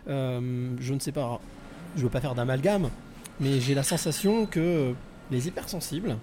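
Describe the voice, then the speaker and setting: A man's voice: mid-range voice, a little mellow, a little hiss or hum. A male host interviewing a guest, reworking his questions as he asks them. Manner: probing, rephrases questions. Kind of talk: podcast interview.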